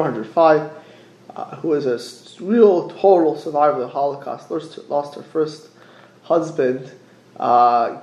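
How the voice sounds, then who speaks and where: A middle-aged man with gives an informal religious sermon, haltingly repeating phrases and posing rhetorical questions. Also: mid-range voice, creaky, darkish tone. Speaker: rabbi giving a religious class. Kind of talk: informal sermon, explaining texts with anecdotes. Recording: echoey room.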